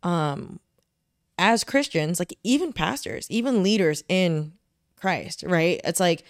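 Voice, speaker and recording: Young woman with a lower voice, reflective. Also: takes it slowly, no echo, studio quality. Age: young adult. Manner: reflective, frank, laughs easily. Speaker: podcast co-host. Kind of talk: casual chat.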